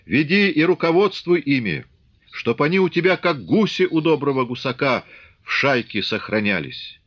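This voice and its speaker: A man's voice: a little high, lively intonation, normal speed, muffled recording, pitched above the performer's own voice. A man voicing an old Cossack man with a crutch, solemnly blessing a young leader in an audiobook.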